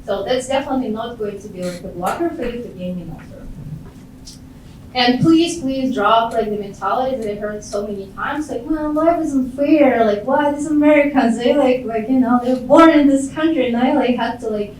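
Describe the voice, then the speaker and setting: A woman from Ukraine with a fairly high voice talks casually to a room of students, filling her sentences with "like" and urging them on. She is heard from some distance off the mic, in a very echoey room with a faint hiss behind her. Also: normal speed, darkish tone. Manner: chatty, frequent "like" fillers, encouraging. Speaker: data scientist giving career advice.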